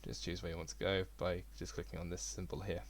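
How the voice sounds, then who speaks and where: Low-voiced young man explaining software. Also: fast, slight background noise. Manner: relaxed, rambling, self-deprecating. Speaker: game development tutor. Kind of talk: casual screen-recorded tutorial.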